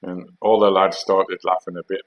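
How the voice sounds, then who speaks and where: This is a deep, flat-sounding male voice on a muffled recording. He's an older army veteran with a Geordie accent from Northeast England, casually telling rambling war stories at an unhurried pace, with hesitation and fillers throughout.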